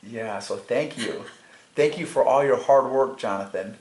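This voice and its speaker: A woman interviewing a family and praising them warmly. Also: rumbling low, unhurried. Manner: effusive, full of praise. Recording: echoey room.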